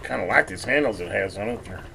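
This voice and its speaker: A man with a fairly low, expressive voice talks fast while hosting a casual hands-on repair video, thinking aloud as he works. The hobbyist recording is clearly noisy.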